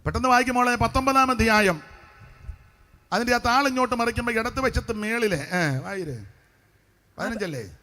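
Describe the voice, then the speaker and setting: A middle-aged man preaching a revival crusade sermon as pastor, fiery and shouting praise between chatty asides. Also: extremely high pitch, expressive, moderate pace, pauses often.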